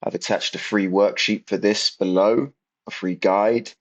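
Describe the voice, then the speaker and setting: A man's voice: fairly low pitch, fairly even intonation, a little slow, muffled recording. A man teaching a casual video lesson on Spanish accent marks, leaning hard on stressed syllables and now and then catching his own slips. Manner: stresses syllables emphatically, self-correcting.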